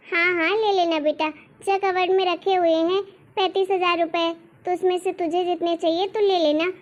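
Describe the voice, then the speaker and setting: A woman's voice: steady tone, normal speed, muffled recording. A woman voicing a harsh, insulting mother-in-law in a cartoon story. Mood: doting. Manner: shrill and insulting. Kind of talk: cartoon voice acting.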